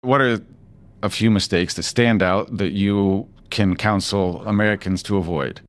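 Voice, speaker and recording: A man hosting a podcast interview, asking measured, probing questions. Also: on the low side. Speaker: podcast host.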